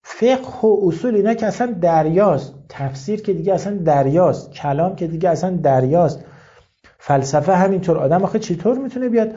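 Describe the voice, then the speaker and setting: A male cleric teaches seminary students in an informal lecture, talking candidly and working through ideas with rhetorical questions. His voice sits fairly high yet sounds very dark and mellow. The recording is dull and lo-fi. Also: animated.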